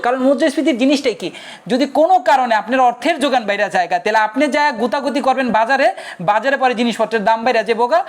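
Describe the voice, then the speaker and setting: A young male teacher giving a casual online lecture, chatty and forever checking whether his students have understood. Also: very high voice. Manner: chatty, keeps asking students if they understood.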